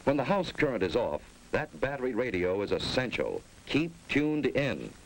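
An American man narrates a 1950s instructional film in a grave, authoritative civil defense manner. His medium voice rises and falls emphatically. The old soundtrack is clearly noisy. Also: medium pitch, very animated, normal speed.

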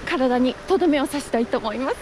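A woman's voice: sits high, expressive, fast, noisy background. A young woman casually narrating her run on a country road into a body-worn camera, chatty and giggling often. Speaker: vlogger. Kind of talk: casual running vlog narration. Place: outdoors on a country road while running. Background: music.

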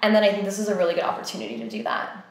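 A woman's voice: medium pitch, very animated, racing. A young woman, a theatre company co-founder and director, talking casually and thinking aloud with lots of fillers. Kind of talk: casual conversation. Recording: very echoey room.

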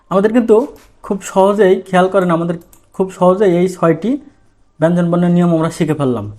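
A man's voice: sits high, darkish tone. A male language teacher giving a lesson, asking questions and answering them himself. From Bangladesh. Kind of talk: lesson in Bengali.

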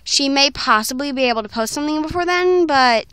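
A girl putting on a loud bookish pony. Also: sits high, lively intonation, fairly quick, no room sound. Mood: chatty. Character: bookish female cartoon pony.

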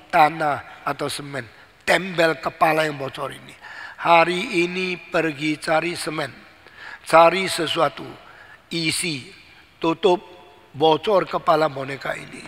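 A man's voice: a little high, a bit bright. A man voicing a father who firmly tells his son what to do, in a hall with long reverb. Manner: firm, commanding. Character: stern, calm father instructing his son.

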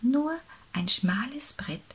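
A woman reading a picture book aloud for young children, softly and slowly, often close to a whisper. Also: fairly high pitch, expressive, slightly rough. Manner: soft, slow, near-whispered reading. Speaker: storybook reader.

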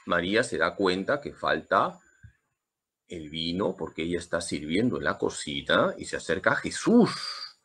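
Lively bright-voiced priest. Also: male voice, sits low, normal speed, slightly rough. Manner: emphatic, lively teaching with humor. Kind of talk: Marian catechesis talk.

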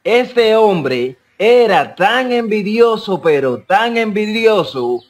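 A man narrating a joke in a slow, deliberate way. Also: sits high, sing-song. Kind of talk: comic storytelling narration.

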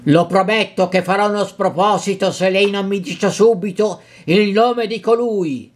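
A hot-headed young peasant, voiced by a male reader, pressing his demands with force in a dramatic novel reading. His voice runs a bit high for a man. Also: lively intonation, slow, a bit bright, full character voice. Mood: angry demanding.

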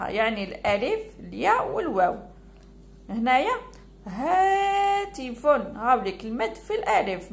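Algerian teacher woman, gravelly and high. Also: a little hiss or hum. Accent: Algerian Arabic. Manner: drawls out key words slowly and clearly. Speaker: primary school teacher. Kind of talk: lesson walkthrough for pupils.

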